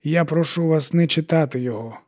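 A man's voice: on the high side, fairly quick, a little mellow, pitched above the performer's own voice, lightly acted. A man voicing a frightened elderly woman who speaks politely and holds herself back. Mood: restrained. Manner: restrained, polite, anxious.

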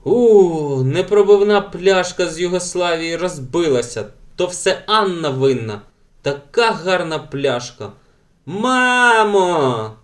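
A man voicing an upset, tearful and bossy little girl in a shrill, sobbing voice. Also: big pitch swings, takes it slowly, dark tone, far from the mic, heavily acted. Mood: wailing.

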